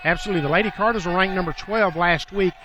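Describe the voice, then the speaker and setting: A man's voice: high-pitched, rapid-fire. A man calling a college volleyball broadcast from courtside, upbeat and informative. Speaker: play-by-play broadcaster. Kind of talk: sports commentary. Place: courtside in a gym.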